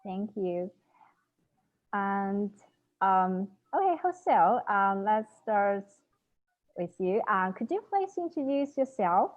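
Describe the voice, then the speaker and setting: A young woman hosts a student interview, speaking politely and carefully with frequent fillers. Her pitch sits in the middle range. The sound is thin and phone-like, as over a call. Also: big pitch swings, slow, pauses often. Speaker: student host. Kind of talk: hosting an interview.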